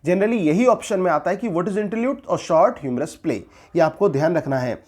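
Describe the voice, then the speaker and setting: A man with an Indian accent giving an exam-prep English literature lesson in Hindi. He reads English definitions slowly, then repeats and explains them. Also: high voice, animated, darkish tone. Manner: repeats key points and quizzes the listener.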